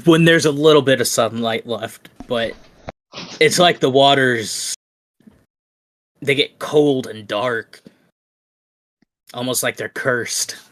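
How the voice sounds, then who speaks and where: A man voicing a plain-spoken dockside local who talks hesitantly, with many pauses. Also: medium pitch, fairly bright tone.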